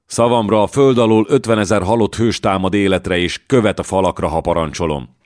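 A man voicing a defiant young peasant warrior maiden who shouts rousing battle cries. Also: lowish voice, no room sound, studio quality, pitched above the performer's own voice, close to an everyday voice.

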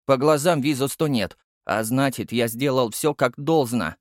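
A man voicing a cocky two-year-old boy with a squeaky voice who says L instead of R, in an audiobook. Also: moderate pace, dry recording, clean studio sound, close to an everyday voice. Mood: stern.

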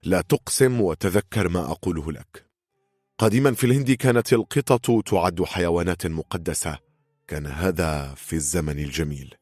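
A man voicing a cold, precise English gentleman traveler who speaks curtly in an audiobook. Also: low-pitched, breathy edge, no echo, clean studio sound. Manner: cold and curt.

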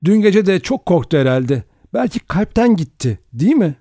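A woman's voice: lowish voice, big pitch swings, normal speed, mellow, slightly rough, dry recording, studio quality, voice pushed up. A man voicing a nervous young woman who sounds anxious and emotional. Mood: uneasy.

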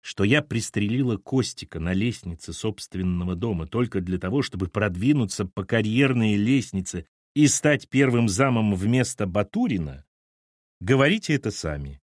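A man voicing a sharp, businesslike middle-aged woman who answers curtly in an audiobook. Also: lowish voice, expressive, normal speed, no room sound, clean studio sound. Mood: clipped, defensive. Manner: curt and clipped.

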